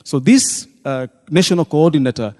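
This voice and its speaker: Here a deacon, his voice a little high and darkish in tone, speaks expressively at a moderate pace. He tells the congregation a story about a church meeting as testimony, acting out the people he quotes, and the recording has long hall reverb.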